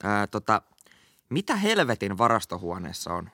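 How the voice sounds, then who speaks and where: A young man co-hosting a podcast, chatting casually and delivering crude bad jokes with deadpan punchlines. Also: fairly low pitch, no echo, studio quality. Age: young adult. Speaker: podcast co-host.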